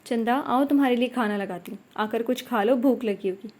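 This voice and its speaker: A tender older mother figure from an audio novel, soothing and affectionate , as a woman narrator voices her. The voice sits a little high and mellow. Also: natural voice.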